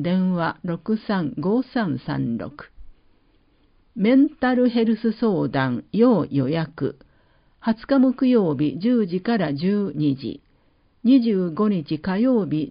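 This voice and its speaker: Slow, deliberate woman announcer. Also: medium pitch. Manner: slow, measured, carefully enunciated list reading. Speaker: announcer reading municipal notices. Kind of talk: scripted public-service announcement reading. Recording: dull lo-fi recording.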